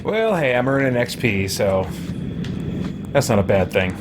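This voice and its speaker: A let's play host with a medium-pitched, sing-song voice offers relaxed commentary on a game, thinking through his options aloud without hurrying. Background noise can be heard.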